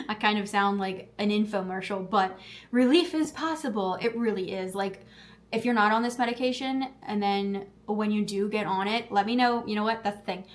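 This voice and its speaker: Chatty woman vlogging, lots of "like". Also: medium pitch. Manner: chatty, lots of "like" fillers, quick asides; laughs at herself often. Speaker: health vlogger. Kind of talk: casual vlog chat to camera.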